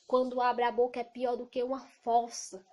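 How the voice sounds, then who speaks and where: A woman from Ceará with a Cearense Brazilian accent, talking loudly and emphatically in an indignant casual monologue to camera. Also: fairly high pitch, completely flat delivery, normal speed. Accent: Cearense Brazilian Portuguese. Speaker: evangelical vlogger. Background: noisy children.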